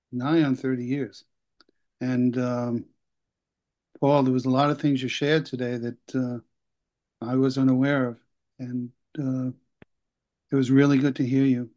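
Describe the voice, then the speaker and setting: A man sharing haltingly at an online recovery meeting, with many uhs, over a video call. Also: medium pitch, a little mellow, lo-fi sound. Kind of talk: halting personal share.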